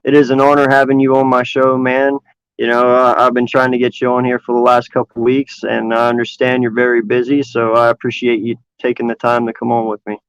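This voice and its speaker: A man's voice: mid-range voice, completely flat delivery, brisk, smooth, no room sound. A man in his thirties hosting a casual sports podcast, easygoing and chatty. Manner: easygoing, plugs the channel. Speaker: podcast host. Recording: dull lo-fi online call audio.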